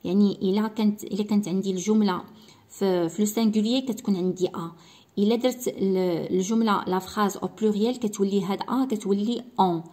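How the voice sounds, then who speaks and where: A woman's voice: mid-range voice, fairly even intonation, mellow. A woman with a Moroccan accent, teaching a primary school French lesson and explaining each point step by step. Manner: slow, deliberate reading of French example sentences.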